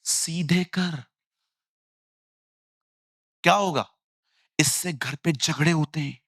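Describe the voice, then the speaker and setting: A man preaching a lively sermon in Hindi mixed with English phrases, telling stories and acting out the voices in them. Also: on the high side, unhurried, dry recording, clean studio sound. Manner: animated storytelling, acts out quoted voices, jokey asides.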